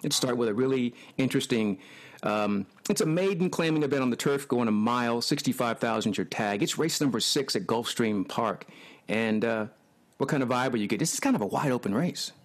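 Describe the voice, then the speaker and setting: Male host, mid pitch, upbeat, leads the segment. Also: fairly quick. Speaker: podcast host. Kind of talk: podcast hosting.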